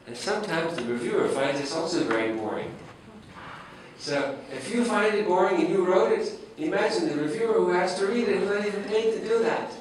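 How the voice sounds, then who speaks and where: A man's voice: sits high, a little fast, slight background noise. A man whose first language is French gives a humorous academic lecture and keeps asking his audience rhetorical questions. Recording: echoey hall, distant mic, faint ambience.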